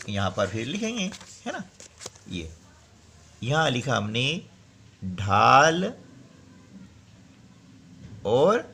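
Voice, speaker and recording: A man's voice: fairly high pitch, pushed and bright. A man teaching a workbook lesson, explaining step by step and often checking with "है ना". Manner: explains slowly, repeats "है ना" and "ठीक है ना".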